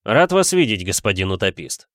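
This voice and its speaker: A man voicing a confident, shameless gentleman police detective who speaks with poised irony. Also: mid-range voice, moderate pace, dry recording, clean studio sound, close to an everyday voice. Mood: ironic.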